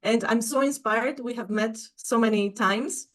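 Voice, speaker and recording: A woman hosting an education podcast, speaking in an effusive, warm way. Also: on the high side, measured pace. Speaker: podcast host. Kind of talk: podcast interview.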